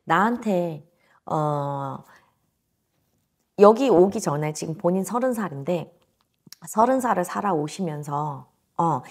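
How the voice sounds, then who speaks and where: Husky, gravelly-voiced woman fortune teller. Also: fairly low pitch, a little mellow. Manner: blunt, emphatic, talks down informally. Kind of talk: fortune-telling consultation. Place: small indoor shrine office. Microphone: lapel mic.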